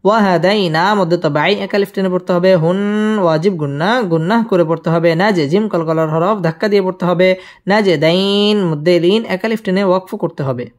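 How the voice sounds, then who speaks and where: A man's voice: high voice, moderate pace. A man teaching Quran recitation, spelling each word syllable by syllable and explaining the pronunciation rules.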